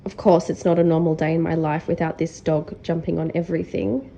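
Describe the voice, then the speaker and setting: Young Australian woman vlogger, sick, gravelly and lowish, rambling casual talk, noisy room. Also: level tone, fairly quick, warm tone, lo-fi sound. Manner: rambling, with many fillers. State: sick, losing her voice. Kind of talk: casual chat. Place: home kitchen. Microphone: wireless clip-on mic. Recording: noisy home recording.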